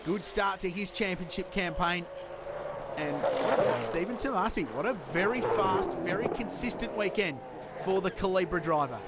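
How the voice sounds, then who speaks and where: An Australian man commentating live on motor racing in an excitable, emphatic race-calling manner. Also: high voice, normal speed, vocal fry. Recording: loud race car engine noise. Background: racing cars and trackside ambience.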